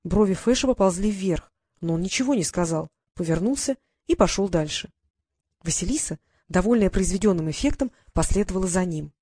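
Woman narrator for a fantasy audiobook, even delivery, dry close recording. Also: lowish voice, fairly quick, breathy edge, no echo. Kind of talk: scripted narration.

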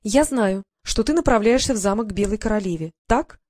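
A woman's voice: mid-range voice, expressive, brisk, a little mellow, no room sound, close to an everyday voice. A woman voicing a tiny, haughty female fairy courtier who lectures and gets irritated easily. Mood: prying. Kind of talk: audiobook character voice.

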